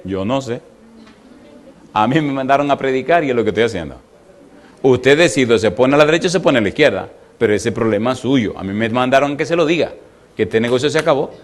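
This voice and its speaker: A man preaching a sermon, pressing his listeners with constant rhetorical questions and slowing down on the words he wants to stress. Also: mid-range voice. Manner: peppers the congregation with rhetorical questions. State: emotional.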